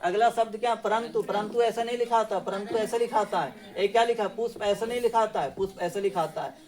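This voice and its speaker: In a classroom spelling lesson, a male teacher fires quick questions at his pupils, scolding and teasing them as he goes. His voice is high-pitched and a little mellow, with soft music in the background.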